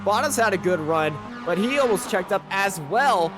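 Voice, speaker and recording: A man calling a car race as an excited motorsport commentator, with urgent play-by-play that builds to shouted climaxes. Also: high-pitched, normal speed, over music.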